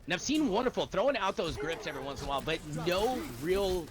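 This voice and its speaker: A man doing energetic play-by-play commentary on an esports match, calling the action in quick bursts. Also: high voice. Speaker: esports caster.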